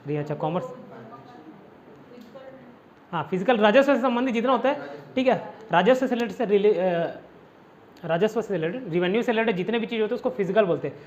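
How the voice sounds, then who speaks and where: A man's voice: high voice, animated, brisk, pauses often, muffled recording. A man from India teaching a casual vocabulary lesson in a classroom, explaining each word with repeated rhetorical questions.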